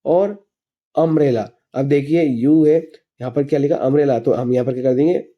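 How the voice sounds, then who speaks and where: A man, teaching an English grammar lesson slowly and patiently, asking himself questions and answering them. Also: mid-range voice, dull audio. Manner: asks and answers his own questions while teaching; slow, patient explanations. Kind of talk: classroom lesson explaining grammar.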